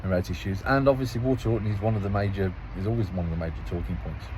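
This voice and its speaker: A man's voice: deep voice, steady tone, rapid-fire, darkish tone, slight background noise, poor audio. A man giving a casual spoken account as a local parish councillor, rambling and restarting phrases as he tells the story with some exasperation.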